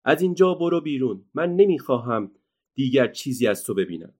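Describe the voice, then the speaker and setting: A man voicing a loud, boastful, quick-tempered male circus ringmaster who announces like a showman in a storybook reading. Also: on the low side, close to an everyday voice. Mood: angry.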